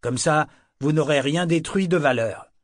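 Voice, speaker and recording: A man's voice: mid-range voice, measured pace, dry recording, studio quality, natural voice. A man voicing an irritable, bitter small male tattoo artist who speaks harshly. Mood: furious. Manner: furious and harsh. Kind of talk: audiobook character voice.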